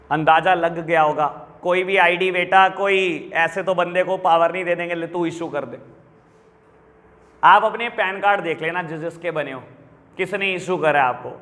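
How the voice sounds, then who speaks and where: A middle-aged man with an Indian accent teaching a business studies class in a lecture style, mixing Hindi and English and slowly repeating key terms for his students. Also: sits high, a bit bright. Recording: echoey room with long reverb.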